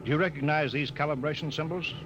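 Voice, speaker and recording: A man's voice: on the high side, steady tone, fast, lightly acted. An actor playing a stern, commanding male spaceship captain who barks clipped orders, in 1950s radio drama style. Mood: stern, probing. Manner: clipped, barking orders and interrogating. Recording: noisy, muffled old radio recording.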